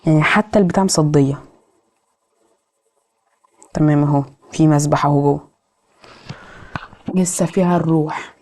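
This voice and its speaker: A woman with an Egyptian accent giving excitable let's play commentary, scolding the game characters. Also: sits low, normal speed, pauses often. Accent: Egyptian Arabic. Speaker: gamer.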